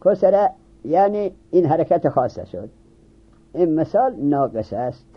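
A man's voice: fairly high pitch, big pitch swings, slightly rough. A man giving a classroom grammar lesson, often asking questions and answering them himself. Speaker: seminary teacher. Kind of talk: classroom lecture on Arabic grammar. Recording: dull lo-fi recording.

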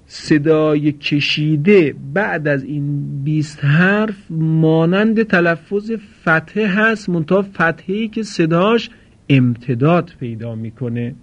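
A man teaching Quran recitation pronunciation, drawing out each model word slowly between brisk explanations. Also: on the high side. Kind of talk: pronunciation lesson with drills. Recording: dull lo-fi recording.

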